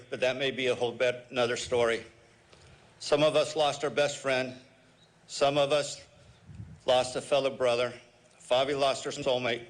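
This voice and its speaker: A man speaks in a flat, even tone while giving a memorial eulogy. He addresses his lost friend directly, with quiet grief. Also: medium pitch. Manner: grieving, addresses the deceased directly.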